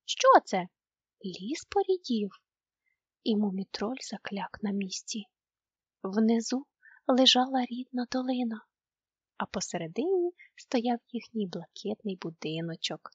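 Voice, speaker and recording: Woman reading a kids' story, fairly high, husky, dry dull sound. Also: expressive, unhurried, no echo.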